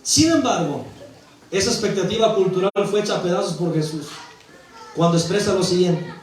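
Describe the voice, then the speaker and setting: A man's voice: high voice, normal speed. A male pastor from Mexico preaching a sermon, with emphatic bursts and rhetorical questions. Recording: echoey hall, voice from a distance.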